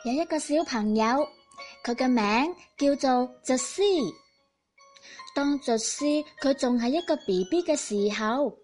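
A woman with a Cantonese accent reads a children's storybook in an expressive way, speaking to small children. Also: high voice, unhurried, faint music behind. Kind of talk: scripted storybook narration for young children.

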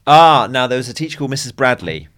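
A young man chatting casually as a podcast co-host, halting and repeating words, with a dry humour. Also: mid-range voice, expressive, fairly bright tone. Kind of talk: casual chat.

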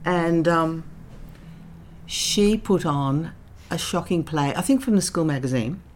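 There is slight background noise as a Dutch-born woman of middle age, interviewed candidly, recounts stories with dry, reflective wit. She speaks slowly in a low-pitched, somewhat mellow voice that is expressive.

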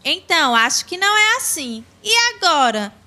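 A woman playing an eager, excitable young schoolgirl in a children's educational audio drama. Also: sits high, normal speed, exaggerated voice. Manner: excited, eager, sing-song.

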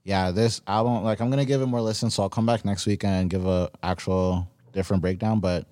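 A man with a fairly low voice chats on a roundtable podcast. He talks in a laid-back way, pausing on fillers and restarting his sentences. The sound is dry and close. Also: fairly even intonation, warm tone, no echo. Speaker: podcast co-host. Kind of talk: casual roundtable chat.

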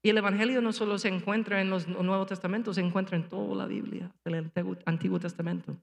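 A man's voice: sits high, steady tone, fast talker, gravelly, big-room sound. A man preaching a sermon as pastor, speaking emphatically with rhetorical questions and punchy sound effects before a congregation. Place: church sanctuary before a congregation, also streamed online.

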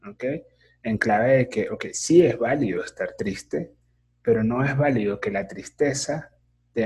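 A man speaks as an interview guest, a teacher training as a therapist. His voice is gravelly with a very husky, breathy grain. He explains things thoughtfully, pausing on fillers and checking in with "ok?". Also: mid-range voice. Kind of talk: casual explanatory conversation.

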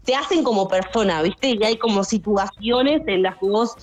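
A woman's voice: normal speed, highs cut off, soft background music. A young woman, telling funny stories in a casual podcast chat. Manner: animated, acts out customers in high shouted voices. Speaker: guest storyteller, stand-up comic.

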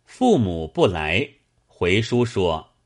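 A man reading a classical tale aloud as a storyteller, in a measured, expressive way. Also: low-pitched.

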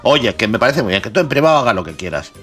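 A man's voice: medium pitch, very animated, very fast, a bit bright, soft background music. A man co-hosting a comedy podcast, blunt and crude, swearing freely as he banters. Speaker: podcast co-host.

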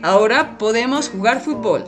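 A woman voicing a bodiless, teacher-like guide in a children's cartoon, calmly explaining, over light music. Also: on the high side, moderate pace, close to an everyday voice. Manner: patient, explaining, occasionally scolding. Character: patient female guiding voice with no body. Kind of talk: children's educational cartoon acting.

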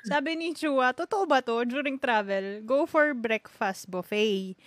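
A woman hosting a casual group chat, lively and quick to react and laugh. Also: fairly high pitch, dry recording. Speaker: podcast host.

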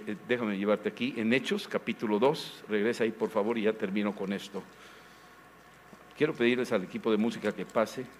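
A man, a pastor preaching a sermon in a lively style, full of questions to the congregation. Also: mid-range voice, slight background noise. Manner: animated preaching with many rhetorical questions. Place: church service.

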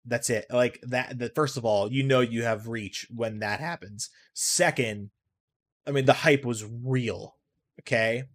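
A man's voice: medium pitch, unhurried. A man hosting a casual solo podcast in a rambling, offhand way, now and then swearing and reacting aloud to a video game he plays while he talks. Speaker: podcast host.

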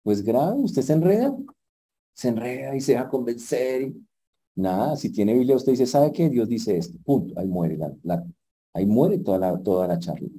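A man preacher, giving a direct, humorous sermon with sharp swings in loudness. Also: mid-range voice, sing-song, normal speed, breathy edge, low-quality recording.

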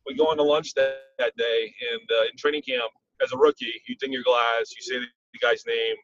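A man, a former football player and coach, telling stories in a casual interview, often pausing on "um" and checking in with "right?". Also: fairly high pitch, vocal fry, distant mic, lo-fi sound. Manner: animated storyteller, frequent "um" and "right?".

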